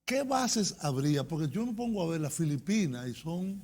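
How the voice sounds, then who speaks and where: A man discusses and questions as an interviewer, haltingly thinking aloud. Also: fairly high pitch, animated, darkish tone. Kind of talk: conversational discussion.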